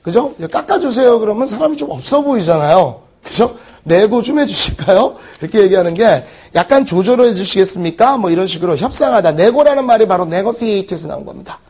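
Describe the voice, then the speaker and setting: A man teaching an exam-prep English lesson, firing quick rhetorical questions at the class. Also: high voice, lively intonation, darkish tone, slightly rough. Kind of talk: recorded exam-prep lecture.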